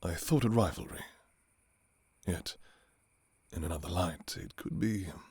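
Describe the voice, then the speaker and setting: A man playing a courtly, restrained vampire king in an intimate ASMR role-play, speaking formally and softly with some hesitation. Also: low voice, unhurried, slightly rough, no room sound, heavily acted. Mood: earnest, admiring. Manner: formal, archaic, hesitant, soft-spoken. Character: courtly adult male vampire king, restrained, yearning for his enemy.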